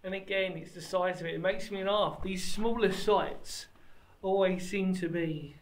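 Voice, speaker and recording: A man's voice: high-pitched, fairly even intonation, unhurried. A man in his thirties talks to a handheld camera while exploring a sandstone cave in woodland, rambling enthusiastically and correcting himself as he goes. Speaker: history explorer vlogger. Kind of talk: walking vlog to camera. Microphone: handheld camera at arm's length.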